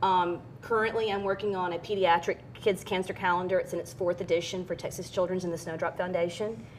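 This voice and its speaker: A middle-aged woman with a fairly low voice talks candidly as an interview guest. Her delivery is earnest and personal, like someone telling her own story. Noticeable noise and a low rumble sit behind her. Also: flat delivery, a little fast, rough recording.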